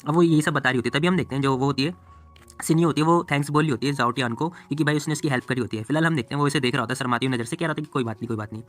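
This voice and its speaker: A man's voice: mid-range voice, racing, a bit bright, faint music behind. A man narrating a comic story in a chatty recap style, voicing the characters' lines and adding personal asides. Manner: chatty, retells scenes and voices characters' lines. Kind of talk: casual storytelling recap with quoted dialogue.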